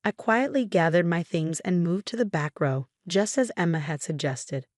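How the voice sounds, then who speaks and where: A woman reads a scripted first-person story in an even, measured manner. Her voice sits on the low side and sounds dry and close. There is no room sound around it. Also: dry recording. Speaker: narrator.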